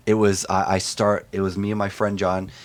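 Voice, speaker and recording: A middle-aged man, a screaming vocalist, telling stories in a casual, animated interview with many restarts. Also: low-pitched, normal speed. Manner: rambling, animated storytelling with restarts.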